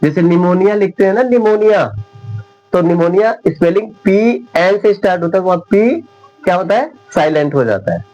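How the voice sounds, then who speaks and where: A man teaching English spelling rules at a whiteboard, repeating each example word slowly and often checking whether his viewers understand. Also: sits high, animated, a little mellow, soft background music, rough recording. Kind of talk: whiteboard classroom lesson.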